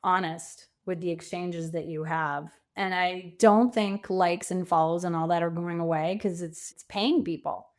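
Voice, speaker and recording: On a podcast, an author and coach speaks in a lowish, steady voice, a little slow and with hardly any pauses. Her style is informal storytelling, leaning on anecdotes and quotes she performs aloud.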